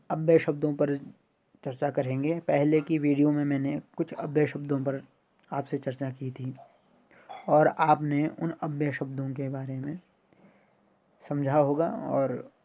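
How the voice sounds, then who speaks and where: A man teaching Sanskrit in a slow recorded lesson, patiently saying each word aloud for his pupils to repeat. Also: a little high, dark tone. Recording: dull lo-fi recording.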